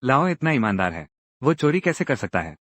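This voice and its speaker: A man's voice: medium pitch, sing-song, fairly quick, a bit bright, no room sound. A man narrating a drama recap and voicing every character's lines himself, acting each one out in turn.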